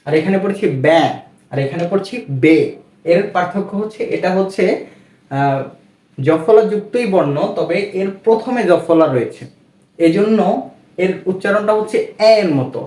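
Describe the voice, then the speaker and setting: A man's voice: high voice, warm tone, reverberant. A man teaching a pronunciation lesson, spelling each word out letter by letter and answering his own questions as he goes. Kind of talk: spoken grammar lesson.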